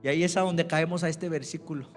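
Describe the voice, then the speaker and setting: Man, pastor, sermon, emphatic, high-pitched voice, long reverberant hall. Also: steady tone, fast, faint music behind. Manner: emphatic, keeps calling out to the congregation. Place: church.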